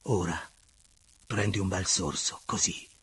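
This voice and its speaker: A man voicing a playful, tender young woman lover in a breathy, whispered way in a literary audiobook. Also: low voice, steady tone, a little slow, fairly bright tone, slight background noise, pitched below the performer's own voice.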